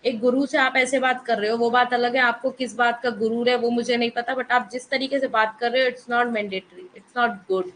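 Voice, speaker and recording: A woman's voice: a little high, little pitch movement, a little fast, hardly any pauses, a bit bright, slight background noise, rough recording. A woman teaching an online economics class, mixing in English terms and firmly scolding students in the chat. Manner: mixes Hindi with English terms.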